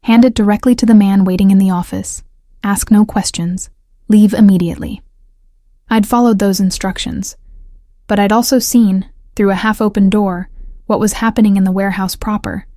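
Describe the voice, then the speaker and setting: Even-toned woman reading a romance. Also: mid-range voice, no echo, studio quality. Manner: measured, steady storytelling. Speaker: audiobook narrator. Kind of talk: first-person romance narration.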